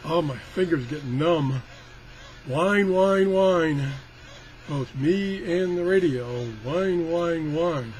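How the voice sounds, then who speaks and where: Speaking slowly in a slightly high, darkish voice, an older man casually walks through a product demo. He's a reviewer who rambles, grumbles and pokes fun at himself in a folksy style. The amateur recording has clear noise.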